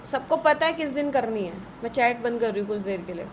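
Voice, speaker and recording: A woman teaching an astrology class in a live online session, brisk and a little scolding as she runs through lists. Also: fairly high pitch, expressive, background noise.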